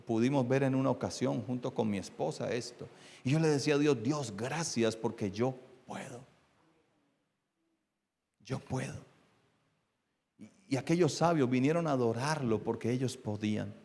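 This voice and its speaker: A man's voice: mid-range voice, gravelly. A male pastor with a Colombian Spanish accent preaching a sermon to his congregation. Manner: preaching with rising intensity, then quieter and confiding. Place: church. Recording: long church hall reverb.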